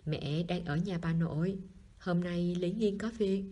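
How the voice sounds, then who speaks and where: An easygoing middle-aged mother in an audiobook, voiced by a husky-toned woman. She talks in a relaxed, unhurried way. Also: lowish voice.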